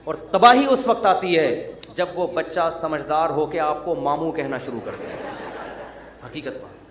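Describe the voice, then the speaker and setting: A man's voice: on the high side, background noise. A male Islamic preacher giving a sermon in a joking, teasing, conversational way. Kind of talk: humorous sermon. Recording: roomy echo.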